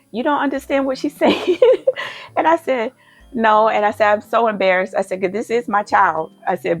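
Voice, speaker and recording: A woman's voice: fairly low pitch, no echo. A woman, a mother chattily telling family stories, often repeating herself. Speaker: mother guest. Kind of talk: casual family storytelling.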